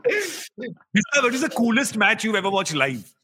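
A man's voice: high-pitched, huge pitch swings, moderate pace, crowd noise. A man with an Indian accent hosting a casual chat, bantering in a mix of Hindi and English. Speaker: show host.

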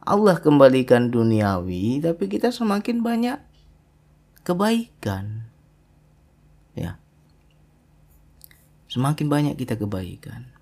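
A man preaching a religious sermon, emphatic and full of rhetorical tag questions, his pitch swinging widely. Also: huge pitch swings, takes it slowly, creaky, pauses often, darkish tone.

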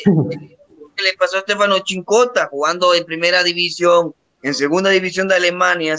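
Guatemalan dude, bright sharp high voice, opinionated about football. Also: male voice. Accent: Guatemalan Spanish. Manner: opinionated, emphatic, uses "vos". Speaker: podcast co-host. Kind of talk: casual sports chat.

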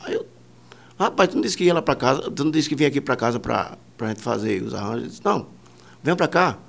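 A man's voice: mid-range voice, expressive, quick pace, gravelly. A man, a musician and producer, telling rambling anecdotes in a casual interview, full of fillers and quoted dialogue.

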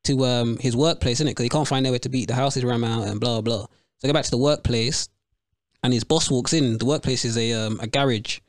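A man's voice: mid-range voice, steady tone, fairly quick, dry recording, clean studio sound. A man, hosting a casual podcast chat and telling a story in slangy street talk. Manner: slangy storytelling, puts on voices for quotes. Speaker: podcast host.

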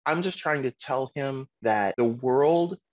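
A man's voice: medium pitch, lively intonation, slow pace. Blunt, profane middle-aged man, muffled. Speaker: podcast co-host. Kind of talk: casual chat. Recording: muffled lo-fi audio.

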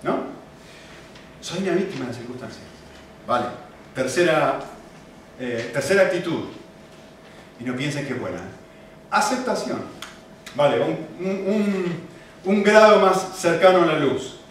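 Animated preacher in an echoey hall. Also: male voice, fairly high pitch, measured pace, long pauses, recorded from a distance, a little hiss or hum. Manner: animated, rhetorical questions. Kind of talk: sermon.

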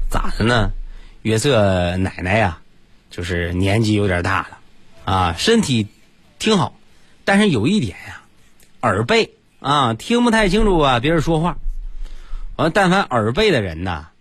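A husky-voiced man runs through a casual comic monologue, his pitch bouncing all over. He swings into loud, high voices for the people in his stories. The sound is dry and close. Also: dry recording. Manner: lively, jumps into loud high voices for quoted characters. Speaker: comedy storyteller. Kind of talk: casual joke-telling monologue.

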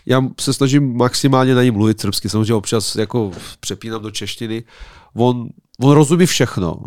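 A man's voice: mid-range voice, a little mellow, no echo, clean studio sound. A man in his thirties with a Serbian accent, chatting loosely as a comedian guest, rambling and joking with many fillers. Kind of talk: casual interview chat.

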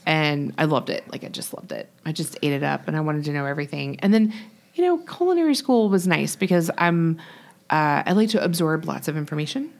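A woman's voice: low-pitched, lively intonation, a little fast, creaky. A woman chatting casually as a pastry chef guest, talking freely with plenty of swearing and laughter. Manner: chatty, profane, laughs often. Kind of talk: casual podcast chat.

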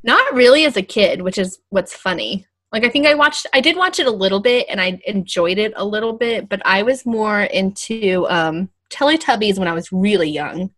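A woman's voice: medium pitch, animated, normal speed, few pauses, a bit bright, no room sound. A young woman co-hosting a podcast, telling stories in casual chat with lots of laughter and fillers. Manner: laughs often, filler-heavy storytelling. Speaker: podcast co-host.

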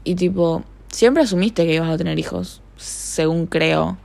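Recorded with no room sound, a young adult podcast host from Paraguay talks on her own from her bedroom in a rambling, chatty, filler-filled way. Her accent is Paraguayan Spanish with hints of Argentine tone, and her fairly low, darkish voice is creaky and unhurried.

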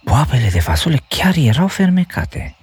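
A man's voice: a little high, sing-song, a little mellow, breathy edge, no echo, pitched above the performer's own voice, full character voice. A man voicing Jack, a curious, bold young boy in a fairy tale. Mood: wondering.

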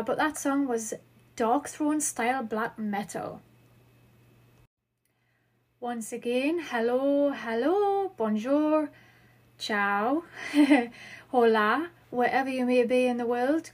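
A woman in her thirties with a Geordie accent from northeast England hosts a solo podcast, chatting through listener questions. Her voice is a little high, husky, with a darkish tone.

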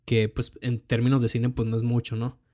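A man's voice: medium pitch, monotone, normal speed, warm tone. A young man with a Mexican accent, chatting casually about films with plenty of slang and swearing. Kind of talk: casual film chat.

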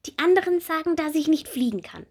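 A woman's voice: animated, fairly quick, darkish tone. A woman voicing a little bumblebee girl who is timid and full of wondering questions, in a storybook. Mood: wondering eager. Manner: high, eager, questioning.

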